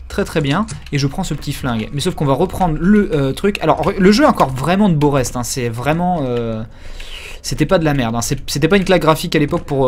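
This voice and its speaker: A man's voice: on the high side, a little mellow, slight background noise. A man giving casual live commentary while playing a video game, rambling and crude, joking with many fillers. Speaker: game streamer.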